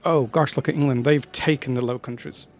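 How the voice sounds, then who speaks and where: A man talks his way through a strategy game in a mid-pitched, easygoing voice. He rambles, restarts sentences and wanders into chatty asides. Faint game music plays behind him. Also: steady tone, a little fast, darkish tone. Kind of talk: casual gameplay commentary.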